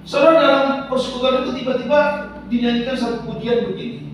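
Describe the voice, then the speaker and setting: A man's voice: very high-pitched, steady tone, fast talker. An older man from Sumatra preaching a sermon, telling personal stories and calling the congregation "saudara" again and again. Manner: addresses the congregation as "saudara" constantly. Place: church hall. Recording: echoey hall from far off with music.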